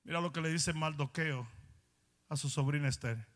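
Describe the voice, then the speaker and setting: High, bright-voiced man preaching in a hall. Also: normal speed. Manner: challenging, confrontational preaching. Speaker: pastor. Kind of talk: sermon.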